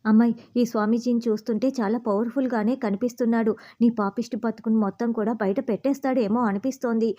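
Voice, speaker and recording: A woman's voice: on the high side, fairly even intonation, fast, dark tone, lightly acted. A woman voicing a mocking, gossipy older woman who taunts the others. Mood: taunting. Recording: slightly dull recording.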